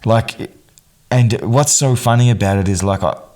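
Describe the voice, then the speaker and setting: Casting note: male podcast host, lowish voice, loose rambling film chat full of ums and restarts. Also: a little mellow. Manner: rambling, many fillers and restarts, quick bursts of amused emphasis. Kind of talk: casual film commentary.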